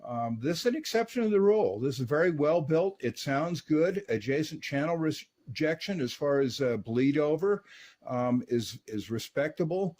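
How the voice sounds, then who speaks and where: With a relaxed, mid-range voice full of filler words, a man checks over a vintage radio in his workshop, testing it and giving his casual take.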